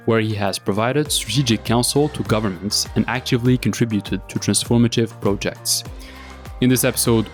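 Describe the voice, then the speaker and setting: A man hosting a podcast, reading a polished scripted introduction and then asking his guest questions. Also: lowish voice. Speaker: podcast host.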